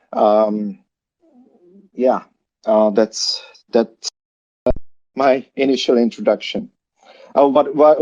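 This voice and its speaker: A man's voice: mid-range voice, mellow, highs cut off. A man from Hungary who founded a project, talking casually on a livestream with lots of fillers and restarts. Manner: halting, many fillers and restarts.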